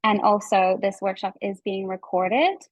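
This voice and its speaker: A Canadian woman with a mid-range voice hosts and facilitates an online workshop over a video call, presenting to participants at a measured pace. Her manner is friendly and informal, and there's no echo.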